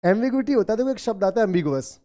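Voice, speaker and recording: A man's voice: sits high, animated, racing, mellow. A middle-aged man with a Hindi accent teaching an English vocabulary lesson. He calls his students children and repeats key words several times. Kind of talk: classroom lesson explaining vocabulary.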